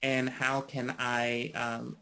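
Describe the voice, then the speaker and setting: A man's voice: medium pitch, completely flat delivery, takes it slowly, creaky, bright, forceful tone, slight background noise, low-quality recording. A man speaking as a panelist in a discussion, earnest and impassioned, often restarting phrases.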